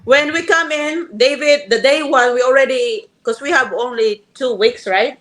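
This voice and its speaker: A woman from Cebu with a Filipino accent, a guest telling her story in lively, simple, broken English. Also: sits high, normal speed. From Philippines (Cebu). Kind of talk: casual storytelling interview.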